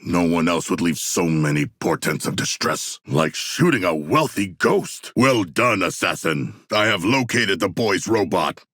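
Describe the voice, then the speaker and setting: A man's voice: low voice, expressive, measured pace, hardly any pauses, fairly bright tone, no room sound, studio quality, exaggerated voice. A man playing a huge shark-man warrior in a video game, earnest and literal-minded, proudly ferocious, speaking in formal, stilted, grandiose phrases. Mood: solemn, formal. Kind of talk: video game character voice lines.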